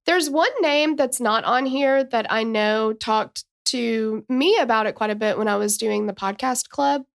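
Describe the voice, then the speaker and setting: A woman's voice: a little high, a little slow, gravelly. A woman in her thirties co-hosting a casual true-crime podcast, chatting and reading case notes with asides. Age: 30s. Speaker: podcast co-host.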